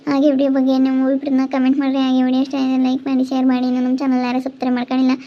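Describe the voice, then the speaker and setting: A woman's voice: high voice, completely flat delivery, rapid-fire. A woman vlogger with a rural Chitradurga Kannada accent, talking in an insistent, urging and consoling way. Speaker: vlogger host. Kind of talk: casual chat and channel sign-off. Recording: dull lo-fi recording.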